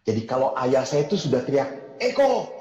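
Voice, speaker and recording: A middle-aged man preaching to a congregation, telling lively personal stories, and moving between soft and loud delivery. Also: mid-range voice, measured pace, faint music behind. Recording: echoey hall, dull sound.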